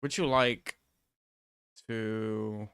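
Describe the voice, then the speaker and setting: Close-miked with no room sound, a man hosting an online video teaches an improvised, informal lesson, rambling hesitantly and poking fun at himself. He talks extremely slowly in a creaky, lowish voice, clean and a bit bright, with fairly even intonation.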